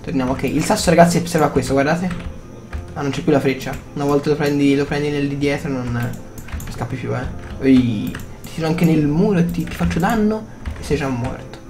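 A man giving excitable, reactive gameplay commentary, swearing casually and talking to his viewers. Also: fairly high pitch, a little fast, faint music behind. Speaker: gaming YouTuber.

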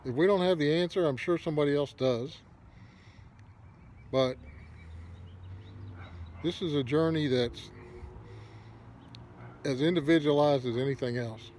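A man's voice: fairly high pitch, measured pace, pauses often, darkish tone, a little hiss or hum. An older man talking casually with a pipe in his mouth, giving easygoing, rambling advice as the host of an unedited video. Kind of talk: casual unedited monologue to camera.

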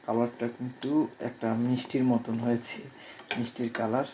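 A man with a Sylheti Bengali accent speaking softly in a casual home cooking vlog, his voice cracking from a cold. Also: medium pitch, little pitch movement, moderate pace, noisy background. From Bangladesh. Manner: speaks softly, hushed at night. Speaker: cooking vlogger. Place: home kitchen abroad.

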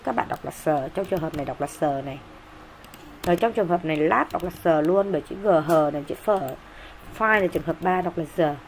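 A woman teacher walking through exam answers in a brisk, explanatory way, with many fillers and an occasional cough. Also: fairly low pitch, darkish tone, a little hiss or hum. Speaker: English teacher.

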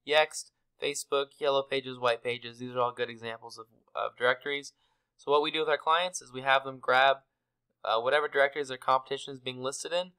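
Fast bright-voiced young marketer. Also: male voice, medium pitch, smooth, low-quality recording. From Texas. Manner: friendly, conversational, many fillers. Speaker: SEO marketer reviewing a client's website. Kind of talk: casual screen-share walkthrough.

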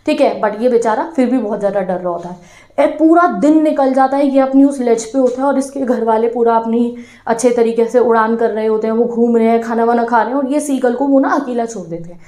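Mellow-voiced woman teacher retelling a story. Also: a little high, brisk, roomy sound. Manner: lively retelling with rhetorical questions to students. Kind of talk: storytelling lesson explanation.

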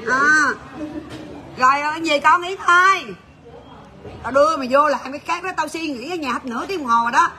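High-voiced shop owner. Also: female voice, pushed and bright. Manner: rapid, blunt teasing banter with staff, laughing often. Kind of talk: livestream sales chat.

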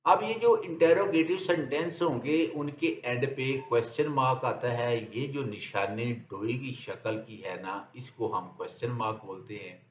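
A man with a Pakistani Urdu accent teaching English grammar in a lecture, reading his example sentences very slowly and deliberately. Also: mid-range voice, a little hiss or hum. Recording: dull, roomy lecture recording.

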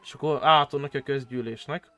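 A man streaming a role-play game, excitable and loud, swearing constantly. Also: mid-range voice.

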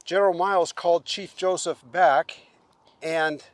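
Older guy vlogging out on the prairie, kinda high voice, halting, lots of uhs. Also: no room sound. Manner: relaxed, halting with fillers. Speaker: travel vlogger. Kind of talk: casual explaining on location. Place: open prairie outdoors. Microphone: camera held at arm's length.

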